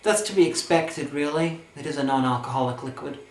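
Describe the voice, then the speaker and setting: Speaking a little fast at a medium pitch, this comedy film reviewer reads his scripted lines with theatrical sarcasm and a mock-imperious air. Faint noise and a roomy echo sit around the recording.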